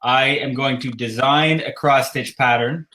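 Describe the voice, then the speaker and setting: A man's voice: medium pitch, steady tone, a little slow, bright, forceful tone. A Canadian man with a slight lisp, hosting a casual livestream chat and rambling with frequent chuckles. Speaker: host.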